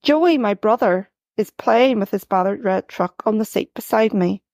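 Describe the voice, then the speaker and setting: A woman with a mid-range voice reads her own first-person story aloud at a measured pace. She's gently expressive and raises her voice for lines of dialogue. The recording is clean studio sound with no room sound.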